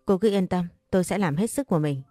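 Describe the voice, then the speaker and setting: A woman voicing a calm, reassuring male doctor in an audio story. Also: on the low side, fast talker, no room sound, faint music behind, lightly acted.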